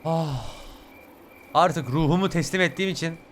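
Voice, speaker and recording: A man's voice: a little high, moderate pace. A young man commentating a horror game, swearing often and shrieking at scares. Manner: swears a lot, yells and shrieks at jumpscares. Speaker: gaming YouTuber. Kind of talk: let's play commentary.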